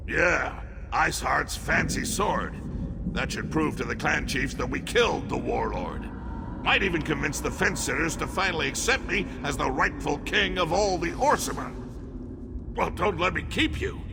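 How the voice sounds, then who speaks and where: A man's voice: a little high, animated, normal speed, creaky, over loud music. An actor playing an ambitious, boastful male orc warlord who wants to be king, in a video game. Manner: boastful, scheming. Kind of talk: game voice acting. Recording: reverberant game audio with background noise.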